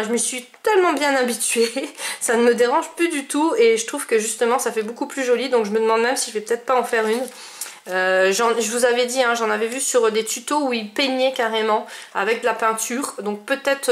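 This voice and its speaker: A woman chatting casually about the crafting mail she received, with many fillers and restarts. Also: on the high side. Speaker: scrapbooking vlogger. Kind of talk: casual chat showing mail.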